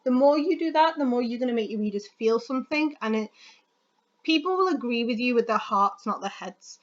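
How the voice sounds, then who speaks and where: A woman teacher giving a casual lesson on writing opinion articles, talking quickly with frequent ums and self-corrections. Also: on the high side, lively intonation. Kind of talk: recorded classroom lesson. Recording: dull lo-fi sound.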